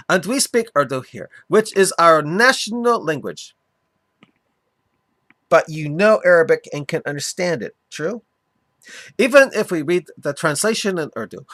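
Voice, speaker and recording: A man's voice: high voice, pushed and bright, no room sound, full character voice. A man doing a lecturing Pakistani man, mock accent. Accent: mock foreign accent. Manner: earnest, lecturing.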